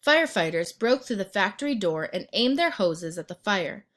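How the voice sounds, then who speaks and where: A female storyteller with a mid-register voice and very animated pitch reads a picture book to young listeners in an expressive way. She pauses to ask them questions and point out the pictures.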